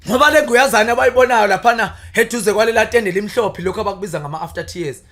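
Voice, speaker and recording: A man's voice: sits high, fast talker, fairly bright tone. A man with a Zulu accent reciting praise poetry in an impassioned, declamatory torrent. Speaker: guest, praise poet.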